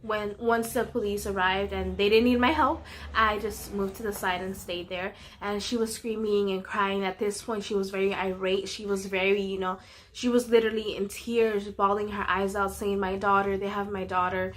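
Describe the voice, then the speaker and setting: A woman's voice: mid-range voice, fairly even intonation, normal speed, a little hiss or hum. A woman casually telling a personal story in a vlog, earnest and full of "um" and "you know".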